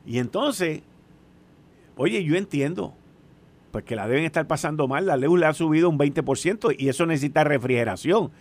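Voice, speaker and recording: A man in his sixties with a Puerto Rican accent, chatting casually and telling stories in an animated way, often putting questions to the listener. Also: fairly high pitch, normal speed. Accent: Puerto Rican Spanish. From Puerto Rico. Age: 60s. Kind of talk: casual storytelling chat.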